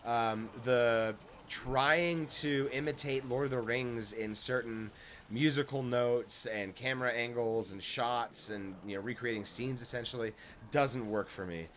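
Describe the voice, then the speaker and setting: A man's voice: mid-range voice, fairly even intonation, measured pace, a bit bright, slight background noise. A man in casual chat while gaming, blunt and cynical, reeling off complaints.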